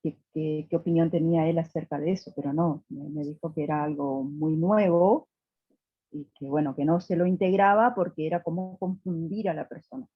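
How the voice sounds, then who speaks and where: A woman's voice: low-pitched, moderate pace, husky, no room sound, phone-quality sound. A woman, a student who talks thoughtfully and rambles a little, with many fillers. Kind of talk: casual conversation with teacher.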